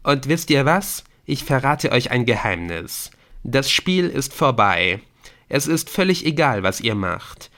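A man's voice: mid-range voice, sing-song, unhurried, fairly bright tone, voice pushed up. A man voicing a teenage boy who taunts the others in a raised voice. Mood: mocking.

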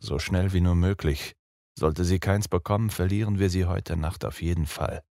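A man voicing a calm, ominous elderly professor who speaks quietly and grimly. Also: normal speed, no echo, studio quality. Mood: grave. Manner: quiet, low-spoken, grim.

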